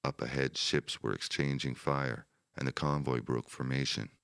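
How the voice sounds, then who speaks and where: A man narrating a wartime history audiobook in a steady, measured manner. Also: rumbling low, creaky, clear, resonant tone, no room sound, clean studio sound.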